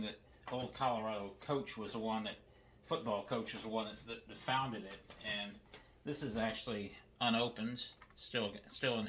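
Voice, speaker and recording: An older man with a mid-range, fairly bright voice casually shows off his cassette tape collection at home for a video. His show-and-tell narration rambles, and he often repeats himself as he restarts words, with faint background noise.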